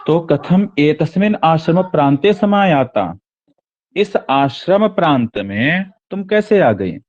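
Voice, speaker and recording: A man's voice: on the high side, animated, slow pace, darkish tone, lo-fi sound. A man teaching a Sanskrit text: he reads each line, then explains it word by word, repeating and correcting himself as he goes.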